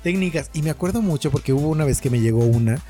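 A Mexican man in his thirties with a slightly high voice, chatting on a casual podcast. He tells stories with animation and acts out every quoted line of dialogue. Faint music plays behind him. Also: animated, racing. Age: 30s. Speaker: podcast co-host.

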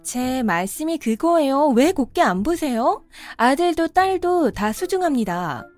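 Woman doing polite daughter-in-law who stands her ground, fairly high lively voice, soft music under it. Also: a little slow, no room sound. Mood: upset. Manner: polite, respectful, growing insistent. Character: daughter-in-law, polite but firm mother. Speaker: voice actor in cartoon drama. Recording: faint background music.

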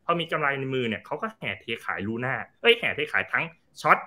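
A man talks through a market crash on a talk show, explaining step by step and giving examples. His voice is strikingly bright, and his pitch swings widely as he talks. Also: very animated, fairly quick. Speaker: crypto advisory firm CEO, guest.

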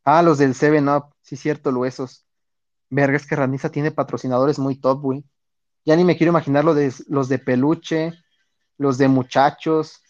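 Speaking at a moderate pace, this streamer has a fairly high, somewhat mellow voice and a flat delivery. He has a Mexican accent and keeps things slangy and profane while reading and replying to chat, all on a dull, dry lo-fi recording with no room sound.

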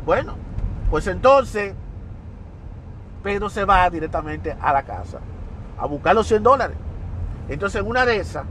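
A man's voice: high voice, lively intonation, measured pace, pauses often, sharp tone, a little hiss or hum. A man hosting a podcast, telling a story emphatically and critically, often repeating his phrases. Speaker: podcast host. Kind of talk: storytelling monologue.

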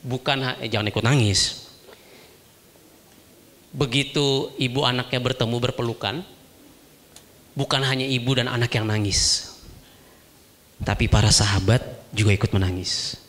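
A man preaching a sermon as an animated storyteller who acts out voices. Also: mid-range voice, normal speed, long pauses.

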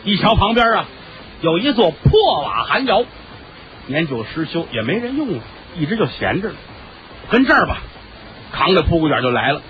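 A man's voice: on the high side, big pitch swings, normal speed. A man telling a traditional comic story, with chatty asides to the audience. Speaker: crosstalk storyteller. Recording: dull lo-fi recording with faint hiss.

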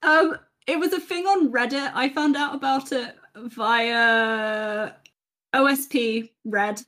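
A woman co-hosting a podcast, chatting casually in a halting, self-interrupting way. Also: on the high side, fairly bright tone. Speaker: podcast co-host. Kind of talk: casual chat.

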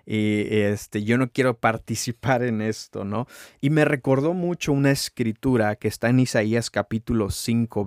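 A man's voice: fairly low pitch, dry recording, studio quality. A man, hosting a podcast, tells a story casually with many fillers, then reflects on scripture. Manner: relaxed, many fillers, acts out quoted speech. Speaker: podcast host.

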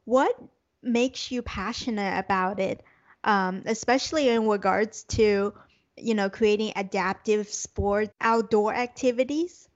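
A woman's voice: mid-range voice, unhurried, highs cut off. A woman conducting a conversational interview in an affirming, encouraging way.

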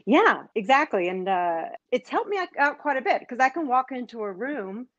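A woman speaks as a podcast guest, reflective and warm as she tells her stories. Her voice comes through slightly muffled and lo-fi, and the sound is dry with no room echo. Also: on the high side, sing-song, moderate pace. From grew up in Australia, Israel and Canada. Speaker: guest, cybersecurity executive. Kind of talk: podcast interview.

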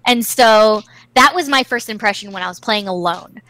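Brief: chatty storyteller, woman, bright, tense voice, laughs a lot, swears casually, dry close sound. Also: mid-range voice, moderate pace, no echo, poor audio.

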